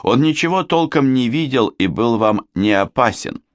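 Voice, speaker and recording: Brief: a stern, reproachful court lady, as a male reader puts her on, lively low voice, dry sound. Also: moderate pace, dry recording, close to an everyday voice. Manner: reproachful questioning. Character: noble Russian lady-in-waiting, stern.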